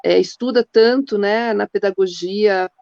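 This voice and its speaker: A woman's voice: medium pitch, creaky, a little mellow, no echo, highs cut off. A woman moderator on a video call, politely and hurriedly wrapping up a panel. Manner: polite, apologetic, hurried wrap-up.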